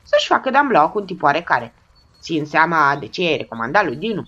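A woman's voice: sits low, sing-song, a bit bright, heavily acted. A woman voicing an amused, ironic man who teases his friends sweetly and sarcastically, on a dull lo-fi recording. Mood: teasing. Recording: dull lo-fi sound.

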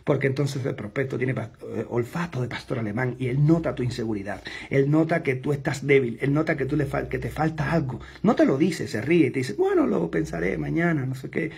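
A man's voice: mid-range voice, a little fast, gravelly, few pauses, a little mellow, breathy edge. A man coaching his sales team in an intense, emphatic, repetitive motivational talk. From outside Mexico.

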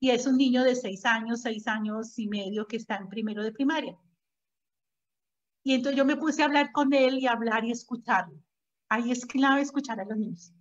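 A woman's voice: fairly high pitch, moderate pace. A woman, a preschool teacher explaining her ideas in an interview and telling anecdotes from her classroom. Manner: explanatory, uses personal anecdotes. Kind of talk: conversational interview. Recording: dull lo-fi audio.

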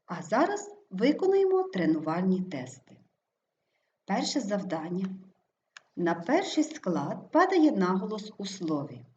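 A woman's voice: medium pitch, wildly swooping pitch, a little slow, a little mellow, a little hiss or hum. A woman teacher reading a scripted lesson, sounding out each example word carefully to mark its stress. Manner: careful, stress-marking pronunciation of example words. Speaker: language teacher. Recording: roomy, slightly dull sound.

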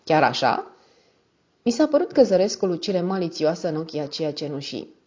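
Female audiobook narrator: steady scripted storytelling, low pitch, dull lo-fi recording. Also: husky.

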